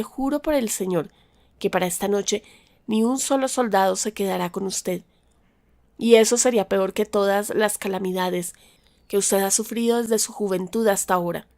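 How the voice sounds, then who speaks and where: A woman reading the part of a male army general in a Bible reading, speaking in a firm, reproachful way and slowing down for emphasis. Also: mid-range voice, natural voice. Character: commanding army general rebuking his king, man.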